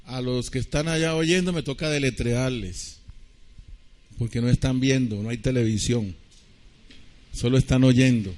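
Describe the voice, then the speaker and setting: A man preaching a sermon in a church, talking conversationally, asking the congregation questions and spelling words out slowly. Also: medium pitch, a little mellow. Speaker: pastor.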